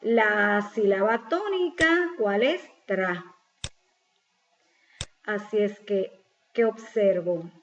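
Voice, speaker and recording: A woman teacher patiently walks through a spelling exercise step by step, asking questions and answering them herself. She speaks at medium pitch, animated yet slow. The lo-fi recording is slightly dull with faint noise.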